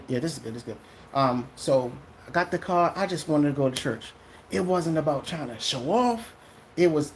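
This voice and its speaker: A man tells a personal story straight to the camera in a loose, animated way. His voice jumps up high when he acts out other people, and he swears without holding back. A faint hiss of noise sits behind him. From Trinidadian family in the US. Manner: animated, profane, often acts out what people said. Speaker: vlogger telling a personal story. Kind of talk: casual storytelling monologue.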